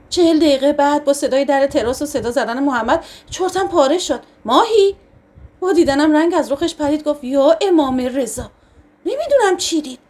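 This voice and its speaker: A woman narrating a novel in the first person for an audiobook, reading in an emotional, expressive way. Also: high-pitched.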